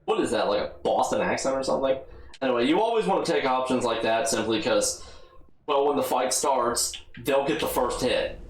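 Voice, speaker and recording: A man's voice: mid-range voice, expressive, brisk, roomy sound, rough recording. A man giving casual, rambling gameplay commentary with a wry humor, often correcting himself. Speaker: let's play host.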